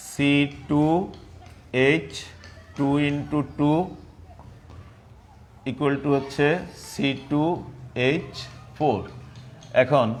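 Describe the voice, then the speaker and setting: A man teaching a chemistry class, repeating terms slowly and spelling out formulas step by step. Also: fairly high pitch. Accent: Bangladeshi Bengali. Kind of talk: classroom lecture.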